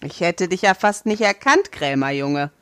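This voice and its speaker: A woman's voice: fairly low pitch, expressive, normal speed, lightly acted. A woman voicing an aging man who taunts others with scorn. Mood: mocking. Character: aging man, mocking and sneering.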